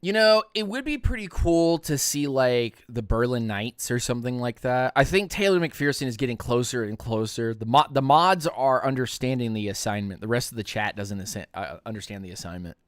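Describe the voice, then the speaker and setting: A young man hosting a live stream, giving excitable play-by-play commentary as he watches a football game. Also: mid-range voice, brisk, hardly any pauses, smooth, no echo, studio quality. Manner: excitable play-by-play, rising loud on big plays.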